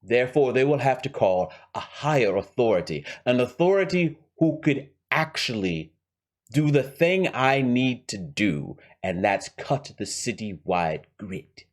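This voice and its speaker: A man voicing a scheming male villain who plots a heist, in a deliberately poor put-on German accent, with theatrical pauses and hushed emphasis. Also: medium pitch, expressive, natural voice. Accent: put-on German villain accent, admittedly poor.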